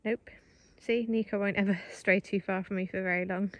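On an electric bike along a forest trail, a woman vlogs casually, chatting to the camera and urging her dogs on in a high sing-song. Her intonation is fairly even and her speed normal, with no room sound.

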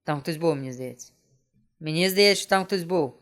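A man's voice: on the high side, a little fast, a bit bright, smooth. A man streaming a game and chatting casually to himself, joking as he plays. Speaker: gameplay streamer. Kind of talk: casual let's-play commentary. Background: game music.

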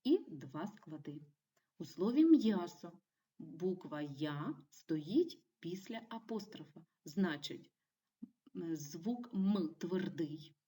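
Lively woman teacher, mellow voice. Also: low voice, recorded from a distance. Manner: clear, encouraging classroom delivery. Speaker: primary school teacher. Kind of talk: video lesson for children.

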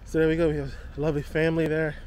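A man's voice: a little high, flat delivery, very fast, darkish tone, slight background noise. A man casually narrating a walking tour outdoors, chatty and loose, restarting his sentences. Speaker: real estate vlogger. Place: outdoors on a city waterfront.

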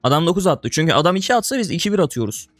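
A man's voice: a little high, very animated, very fast, dry recording, soft background music. Exasperated young man streaming a game. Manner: exasperated, groaning and swearing under breath; addresses viewers as brother and buddy. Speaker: gaming streamer. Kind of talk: casual game commentary.

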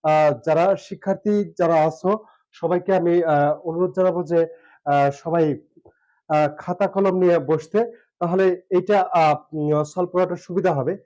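A man with a Bangladeshi Bengali accent teaches pronunciation in an online class. His voice sits high and mellow, and he pauses on filler sounds and drags out syllables to show them. The recording is dull and lo-fi. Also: fairly even intonation. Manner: hesitant, many filler sounds, repeats and spells out syllables.

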